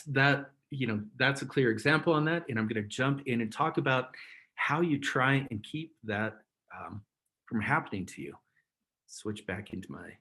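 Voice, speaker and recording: Guy talking thru a webinar on a call, loose and rambly, laughs a lot, middle pitch. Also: fairly bright tone. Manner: chatty, rambling, chuckles often. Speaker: webinar presenter. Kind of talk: casual instructional talk.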